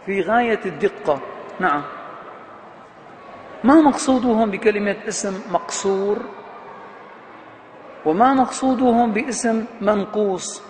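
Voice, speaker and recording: This professor, a man with a high voice, teaches grammar in a classroom, asking his students question after question and then answering each one himself. He lengthens key words for emphasis, and his voice echoes with a long hall reverb above a faint hiss.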